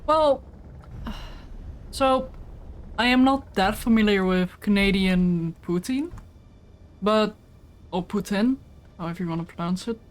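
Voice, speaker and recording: A woman's voice: mid-range voice, a little slow, pauses often. A woman chatting casually with a co-player while streaming a video game, rambling about food and snacking between sentences. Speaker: livestreamer. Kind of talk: casual chat while gaming.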